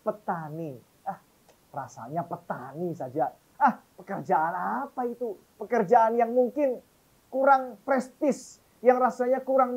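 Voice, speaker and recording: Emphatic husky-voiced man preaching. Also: extremely high pitch, highs cut off. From Surabaya, East Java. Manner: animated, emphatic, addresses the congregation often. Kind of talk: sermon.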